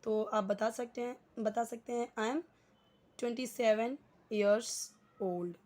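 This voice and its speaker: A woman with an Indian accent teaching an English lesson in Hindi, patiently explaining and slowly repeating example phrases. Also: fairly high pitch, fairly even intonation, darkish tone.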